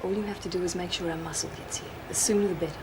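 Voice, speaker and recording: A woman's voice: on the low side, steady tone, very fast, background noise, close to an everyday voice. Surly, scheming woman prisoner, played by an actress. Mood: cold scheming. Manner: terse, surly. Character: cold, surly, scheming female prison inmate. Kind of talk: television prison drama acting.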